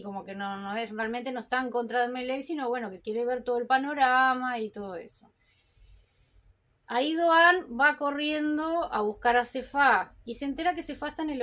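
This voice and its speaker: A woman's voice: a little high, fairly bright tone. A woman casually recapping and commenting on a TV series, chatty and full of restarts and asides.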